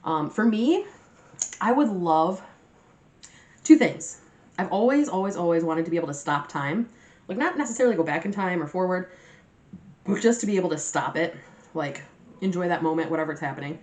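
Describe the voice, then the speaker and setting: Her voice is on the low side and a little mellow, fairly quick, with lively intonation and long pauses. As a mukbang host, she eats messily while chatting casually to viewers, telling slangy, sweary stories with acted-out quotes.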